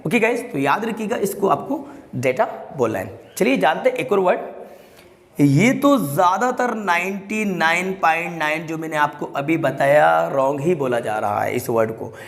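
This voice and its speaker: A high-pitched man with a lively, swinging voice leads a pronunciation lesson, stretching each word out slowly and calling on his viewers to repeat after him. He sounds like he is in a roomy space with a long echo. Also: creaky. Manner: addresses viewers as guys, coaxing them to repeat. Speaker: English pronunciation teacher. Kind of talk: classroom-style pronunciation lesson. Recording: echoey room with long reverb.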